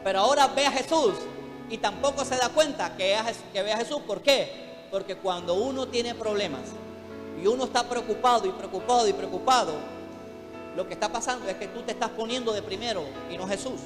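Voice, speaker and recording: A man's voice: high-pitched, fairly quick. A man preaching a fervent sermon as pastor in a church, calling out to the congregation. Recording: long hall reverb, faint music behind.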